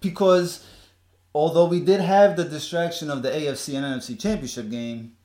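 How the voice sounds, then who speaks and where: A man's voice: fairly high pitch, normal speed, mellow, echoey room. A tired man co-hosting a casual sports podcast, rambling and swearing, with the hiccups. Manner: rambling, swears, repeats words. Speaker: podcast co-host.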